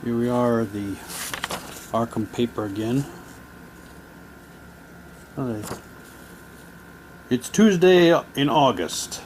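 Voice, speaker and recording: This presenter of audio drama props has a mid-range voice, speaks slowly and pauses often. His casual show-and-tell mixes chatty comments with printed material read aloud, and background noise is noticeable.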